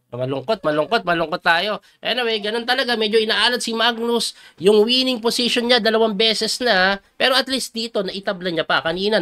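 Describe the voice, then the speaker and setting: With a voice that sits high, a middle-aged Filipino man coaches chess and narrates a game live, responding loudly and excitedly to every move.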